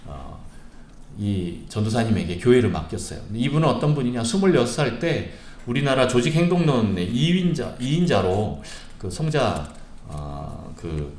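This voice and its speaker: A male pastor delivers a sermon in a church sanctuary, his voice rising and falling with lively swings in pitch. He tells a story with plenty of "uh" pauses, and the room adds a noticeable echo. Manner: storytelling with frequent "uh" pauses and vivid retelling.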